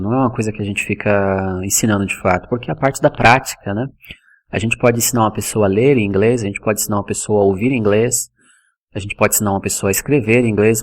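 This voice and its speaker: A man from Brazil teaching English pronunciation in a video lesson, explaining patiently and repeating each word slowly so it can be copied. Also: lowish voice.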